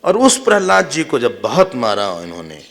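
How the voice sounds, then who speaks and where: A man who is a swami, giving a devotional sermon and telling sacred stories in a lively, humorous way, acting out the quotes. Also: mid-range voice, normal speed. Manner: animated, humorous, acts out quotes. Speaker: swami, spiritual teacher.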